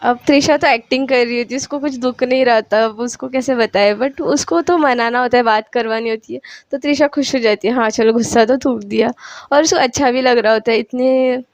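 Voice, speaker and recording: A woman's voice: on the high side, fairly quick, hardly any pauses, no echo. A woman casually narrating a love story, chatty and full of asides. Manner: chatty, retelling with many asides.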